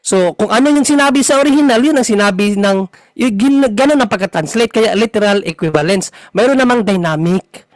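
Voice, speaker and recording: A man hosting a talk and explaining Bible verses patiently, slowing down to read passages. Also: high voice, no echo, rough recording. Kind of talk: conversational Bible teaching.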